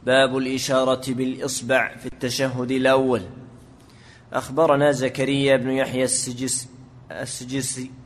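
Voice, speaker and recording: A man reading hadith aloud for his teacher in steady, measured formal recitation. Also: medium pitch, long reverb tail. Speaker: student reading the text aloud.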